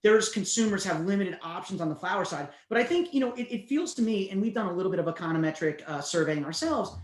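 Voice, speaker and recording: A man's voice: high voice, lively intonation. Brief: joking male investor guest, banter-heavy, roomy echoey sound. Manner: teasing, quick banter. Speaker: cannabis investor. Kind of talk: casual podcast discussion. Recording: echoey room.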